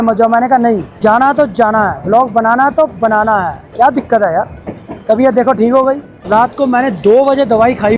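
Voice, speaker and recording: Excited man vlogging from a toy train. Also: very high voice, background noise. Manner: chatty, excited, addresses viewers as brothers. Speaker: travel vlogger. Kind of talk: casual travel vlog narration. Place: aboard a mountain toy train and on station platforms.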